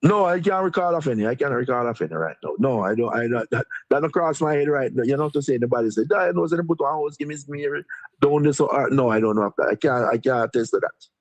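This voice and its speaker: A man's voice: mid-range voice, lively intonation, fast talker. A man with a Jamaican accent, a deputy mayor being interviewed, talking in a repetitive, rambling way and chuckling. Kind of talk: interviewed on a live stream.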